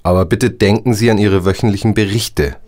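An actor playing a businesslike, evasive house system technician in a radio drama, speaking in a clipped, officious and slightly hesitant way. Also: male voice, lowish voice, fairly even intonation, brisk, a little mellow, soft background music, lightly acted.

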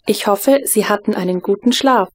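A courteous female house computer, voiced by a woman in a radio play. She speaks in measured, announcing phrases with an even politeness, like a system readout. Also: mid-range voice, close to an everyday voice. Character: female smart-home computer, polite and calm.

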